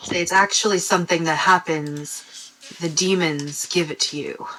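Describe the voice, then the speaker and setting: A woman voicing a calm, knowing female adventurer in a tabletop game, gently explaining. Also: fairly low pitch, normal speed, slight background noise, poor audio.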